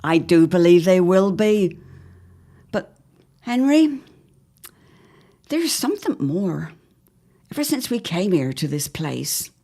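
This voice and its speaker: In a period audio drama, a woman plays an anxious middle-aged wife of the 1910s, speaking in a formal, old-fashioned and earnest manner. Her fairly low, dark voice is exaggerated, with big pitch swings, a slow pace and frequent pauses. The mood is uneasy and earnest.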